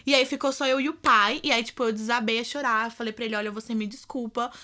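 A woman's voice: fairly high pitch, steady tone, fast talker, bright, forceful tone. A young woman with a Brazilian Portuguese accent, telling her story candidly as a podcast guest and acting out what others said. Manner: candid storytelling, acts out quoted speech. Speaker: podcast guest, former au pair. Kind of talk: casual interview chat.

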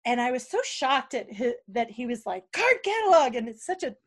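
Bubbly high-voiced woman telling stories. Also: a little fast. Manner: animated, laughs often, acts out quotes. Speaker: podcast guest. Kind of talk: casual storytelling interview.

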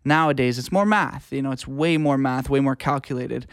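A music producer and audio engineer, appearing as a podcast guest, explains things reflectively and in plain terms during a casual interview, often checking in with the listener. His medium-pitched voice is smooth and moderately paced, recorded at studio quality with no room sound.

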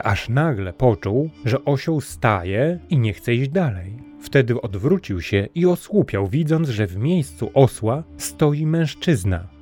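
A man narrating a fairy tale for a podcast in a calm, measured storytelling manner. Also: fairly low pitch, slightly rough. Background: soft music.

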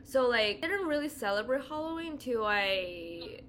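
A woman's voice: fairly high pitch, sing-song, moderate pace, a bit bright, a little hiss or hum. A woman from China co-hosting a casual podcast, talking in a loose, filler-heavy way from home. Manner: chatty, many fillers. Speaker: podcast co-host. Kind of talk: casual chat. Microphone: home recording.

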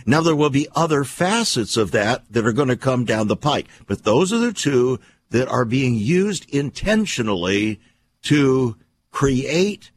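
A male talk program host delivers a conspiratorial, alarmist opinion monologue. He takes his time, stretching out phrases with deliberate emphasis and repeating himself. His voice is husky and moves widely in pitch as he puts rhetorical questions to the listener.

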